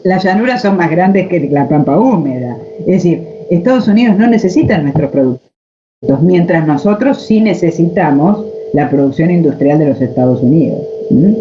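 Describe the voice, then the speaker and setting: A woman's voice: fairly low pitch, expressive, normal speed, mellow. A woman with an Argentine accent teaching a history class over a video call, lecturing and posing rhetorical questions to her students. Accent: Argentine Spanish. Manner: lecturing, asks rhetorical questions, frequent "este" fillers. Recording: muffled online call audio, faint noise.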